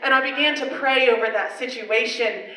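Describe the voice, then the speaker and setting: At a women's conference, a woman pastor shares a personal story in a sermon, chatty and laughing often. Her fairly high voice moves briskly, picked up from far off by an echoey hall mic in the conference hall, with background noise.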